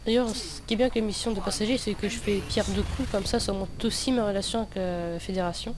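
A young gaming video host with a lisp that slurs his s sounds gives hesitant, rambling commentary over gameplay, often correcting himself. His voice sits high and he talks fast, with noticeable background noise in the recording.

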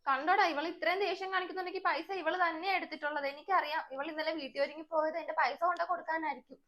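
A woman's voice: high-pitched, fairly even intonation, rapid-fire, sharp tone. A woman playing a whiny scheming old mother-in-law. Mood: nagging. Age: 60s. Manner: whiny, accusing, theatrical complaining. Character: older mother-in-law, scheming, self-pitying, nagging. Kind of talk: comedic family skit.

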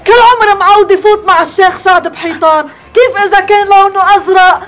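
A performer playing a brash middle-aged woman learning to drive, with a Lebanese accent and quick sassy back-talk. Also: very high-pitched, fairly even intonation, a bit bright. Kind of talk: sketch comedy acting.

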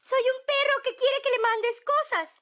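Woman doing a squeaky curious pet dog. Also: steady tone, a little slow, a bit bright. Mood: curious, pleading. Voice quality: squeaky childlike voice. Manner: whiny, cheeky asking.

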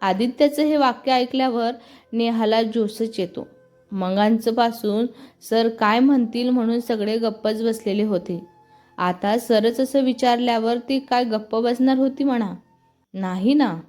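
A woman narrating a story in a steady, descriptive storytelling manner. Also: fairly high pitch, measured pace, soft background music.

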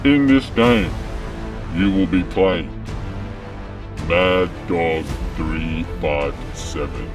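A man's voice: deep voice, extremely slow, pauses often. A man playing a cold masked game master, making formal, menacing announcements. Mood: cold menace. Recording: distant voice over music.

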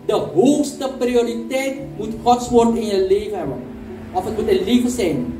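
A man preaches in a sermon style, hammering home key words and calling out to his listeners. His voice sits high and rings around an echoey church, picked up from some distance with music playing behind him. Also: normal speed. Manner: emphatic, repeats key words, calls out to congregation. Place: church service hall.

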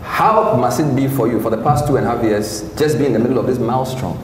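A man, a journalist hosting an interview, formal, brisk and articulate, on a handheld mic in a large indoor hall. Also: medium pitch. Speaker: journalist, event host and interviewer. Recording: roomy hall echo, faint noise.

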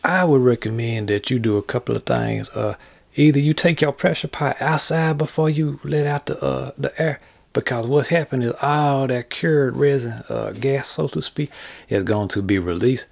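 A man's voice: medium pitch, normal speed, vocal fry. A man hosting a casual workshop vlog, rambling in a folksy, joking way to his viewers. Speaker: craft channel host. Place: indoor workshop.

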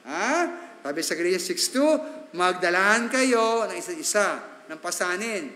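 A pastor preaches a sermon in a church sanctuary, mixing Tagalog and English in a high, bright voice. He keeps it chatty with quick asides and tag questions asking the congregation to agree. The hall gives his voice a long, echoey reverb.

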